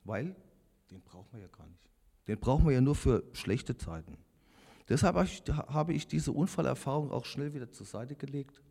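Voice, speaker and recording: A man's voice: medium pitch, vocal fry, warm tone, breathy edge. A man in his fifties giving an earnest, confessional personal testimony to a congregation, speaking directly to his listeners. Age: 50s. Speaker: lay preacher giving testimony. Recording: long hall reverb.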